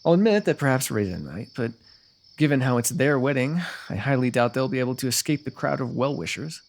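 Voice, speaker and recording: Performing as a noble from a fantasy world, a former rival turned ally, a man speaks in a formal, long-winded way and never stops teasing, ASMR roleplay style. His mid-range voice carries a gravelly creak, animated and a little fast. He comes across as wry and conversational.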